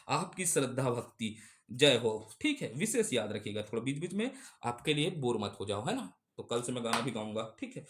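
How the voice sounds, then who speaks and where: A male teacher giving an exam-prep computer lecture, repeating key terms and asking and answering his own questions. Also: fairly high pitch. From Chhattisgarh. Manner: repetitive call-and-response drilling.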